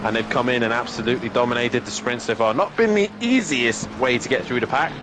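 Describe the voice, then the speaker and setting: A man's voice: medium pitch, quick pace, background noise. A man giving live motorsport commentary and race analysis as a co-commentator.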